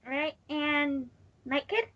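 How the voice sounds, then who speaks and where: A woman's voice: high voice, slow, muffled recording, a little hiss or hum. A woman hosting a casual group podcast, giggling often and calling on each speaker in turn. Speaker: podcast host.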